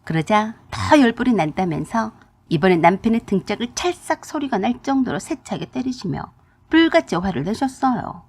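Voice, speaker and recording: A woman's voice: mid-range voice, expressive, normal speed, darkish tone, husky. A woman narrating her own story in the first person, confiding and dramatic.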